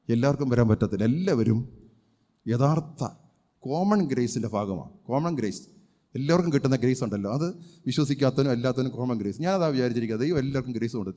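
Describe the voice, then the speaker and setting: A male pastor preaching a sermon emphatically, firing rhetorical questions and breaking into loud cries of praise. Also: medium pitch. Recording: long hall reverb.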